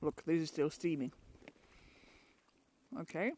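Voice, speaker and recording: She's a travel vlogger from Finland, chatting in a pine forest with a Finnish accent. Her deep, slightly mellow voice moves slowly, and she keeps laughing between false starts.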